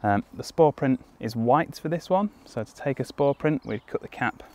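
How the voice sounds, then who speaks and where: In a mid-range, darkish voice, this young British forager talks at a moderate pace and with plenty of expression. He crouches in a woodland clearing, explaining each step with relaxed ums and restarts. A camera on a tripod a few metres back keeps him in frame.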